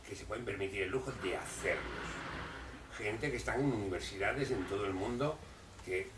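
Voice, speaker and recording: An older man talking at a neighborhood meeting, emphatic and repetitive, often restarting his sentences. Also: on the low side. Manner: emphatic, repeats himself, restarts. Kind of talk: impassioned public talk. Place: neighborhood association hall. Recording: roomy echo, distant mic, faint noise.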